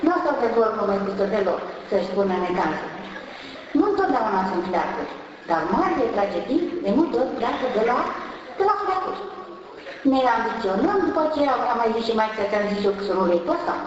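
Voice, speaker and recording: A woman, a nun, giving a homely spiritual talk on marriage, unhurried and repeating phrases for emphasis. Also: medium pitch, sing-song, a little hiss or hum. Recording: distant voice in a reverberant hall, dull lo-fi sound.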